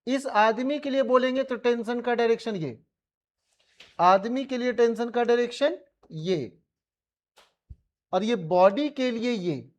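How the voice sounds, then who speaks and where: A man's voice: very high voice, measured pace, long pauses. A male physics teacher with an Indian accent, giving a colloquial classroom revision lecture and pressing his students with repeated questions.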